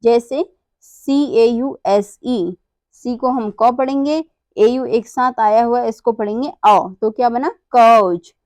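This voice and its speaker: A woman's voice: on the high side, fairly even intonation, a little slow, a little mellow, dry recording. A woman teaches English pronunciation rules, spelling words out letter by letter and asking and answering her own questions. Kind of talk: slow spelling-out lesson.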